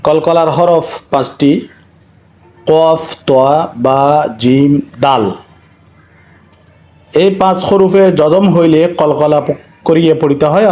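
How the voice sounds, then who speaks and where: A man teaching Quran reading, slowly spelling out and repeating syllables for learners to practice. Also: fairly high pitch, darkish tone, low-quality recording. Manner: slow, drilling syllables with repetition. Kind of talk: slow recitation lesson.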